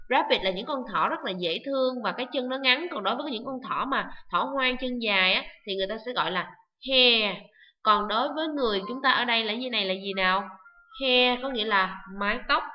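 Lively woman teacher drilling English words. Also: fairly high pitch, poor audio. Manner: drills words loudly with repetition; asks students frequent checking questions. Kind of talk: online English lesson.

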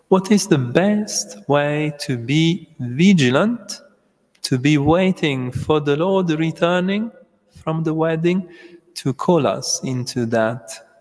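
Slow priest preaching at a pulpit microphone. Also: male voice, on the high side, darkish tone. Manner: slow, measured preaching with long pauses. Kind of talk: homily at Mass. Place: large church. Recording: long church reverb.

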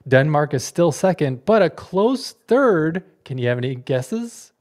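A man's voice: fairly high pitch, very animated, unhurried, darkish tone. A man co-hosting a casual podcast, chatty and laughing lightly between words. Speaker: podcast co-host.

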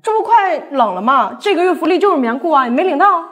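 A woman acts out a stern factory boss who confronts an upstart with pointed, indignant questions. Her voice sits very high and swings widely in pitch. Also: animated, fast. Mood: concerned. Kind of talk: short-video skit acting.

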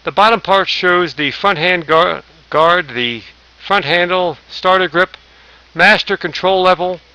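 A man's voice: sits high, a little slow, bright, forceful tone, low-quality recording. A man narrating a safety training slideshow, reading lists aloud with small slips and restarts. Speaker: safety instructor.

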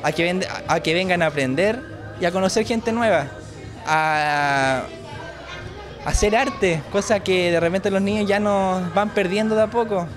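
A man's voice: high-pitched, a little slow. A man who teaches at a theater school, interviewed while searching for his words with frequent fillers. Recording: loud music and crowd chatter behind. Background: music and children's crowd.

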